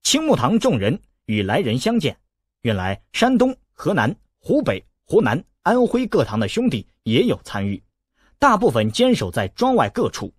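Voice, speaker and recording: A man narrating a novel as an audiobook, with expressive storytelling. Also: fairly high pitch, moderate pace, breathy edge, dry recording, clean studio sound. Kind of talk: novel reading.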